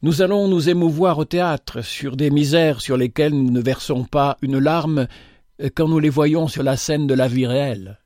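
A man voicing a gentle, earnest young woman who speaks softly and calmly. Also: a little high, moderate pace, no room sound, studio quality, lightly acted. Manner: soft, calm, quiet.

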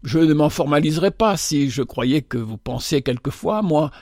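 Earnest nervous young guy pleading, read by a man, fairly high voice, dry sound. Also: lively intonation, moderate pace, a little mellow, no echo. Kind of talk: audiobook dialogue reading.

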